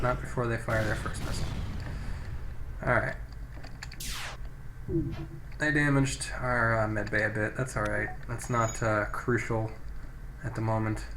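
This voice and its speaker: Using a low-quality, noisy microphone, a man hosting a gameplay video talks casually, thinking out loud, hesitating, and reading on-screen text aloud. His mid-range voice moves at a moderate pace with long pauses.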